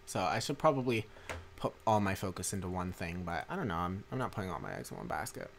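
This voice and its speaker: A man's voice: sits low, big pitch swings, quick pace, gravelly, fairly bright tone, a little hiss or hum. A young man livestreaming a strategy game, chatting in a rambling way with many fillers and restarts while reading chat. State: tired from a long day. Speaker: streamer and mod maker. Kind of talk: casual livestream commentary.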